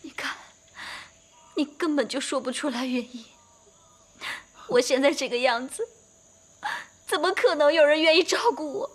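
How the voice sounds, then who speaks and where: A woman's voice: high-pitched, normal speed, pauses often, close to an everyday voice. An actress playing a distraught young fox spirit woman who is ashamed of how she looks, speaking tearfully and bitterly in a TV drama. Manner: tearful, pleading, flares into shouting. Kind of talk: TV drama dialogue. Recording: loud film score behind dialogue.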